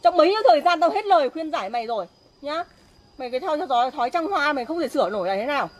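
A woman's voice: high voice, expressive, rapid-fire. A woman playing an angry wife, scolding and berating her husband outdoors at night. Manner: shouting angrily, scolding. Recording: faint outdoor noise with crickets.

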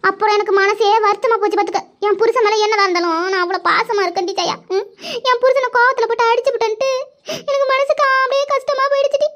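Shrill weepy village elder sister , woman voicing, quick and very high. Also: level tone, fairly bright tone. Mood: sorrowful.

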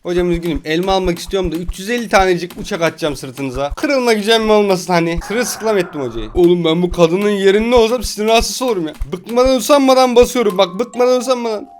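A young man giving playful, teasing gaming commentary, laughing often and breaking into shouts. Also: sits high, fast, few pauses, a little hiss or hum. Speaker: gaming YouTuber.

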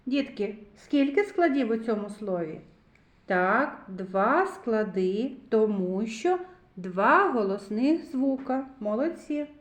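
A woman teaching a literacy lesson to young children, slowly sounding out syllables and words in a sing-song way. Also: on the high side, expressive, roomy sound. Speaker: kindergarten teacher.

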